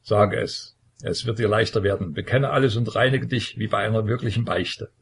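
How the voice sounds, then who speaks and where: Man doing a stern old tsar grilling his son, low gravelly raspy voice. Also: normal speed. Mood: urging. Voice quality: husky, creaky.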